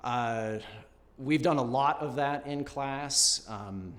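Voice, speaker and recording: A man answering questions at an acting audition, polite, measured and thoughtful. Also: mid-range voice, fairly bright tone, long reverb tail. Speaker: actor at an audition. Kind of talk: unscripted audition interview.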